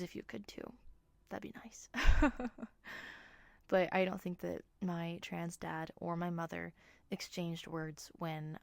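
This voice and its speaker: Young woman host, gravelly and low-pitched, gentle storytelling that sinks to a whisper, dry close recording. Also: dry recording. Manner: soft, reflective, often drops to a whisper. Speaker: podcast host. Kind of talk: personal storytelling monologue.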